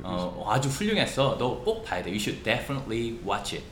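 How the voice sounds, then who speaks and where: A man co-hosting a bilingual language lesson, explaining points in detail with lively delivery. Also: mid-range voice, a little slow, echoey room, a little hiss or hum. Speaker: co-host.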